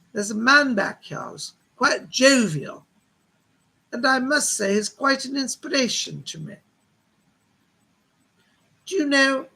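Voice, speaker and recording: A man working as a seance medium, voicing a chatty, cultured gentleman spirit guide who reminisces politely in a creaky, bright-edged voice. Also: very high-pitched, full character voice.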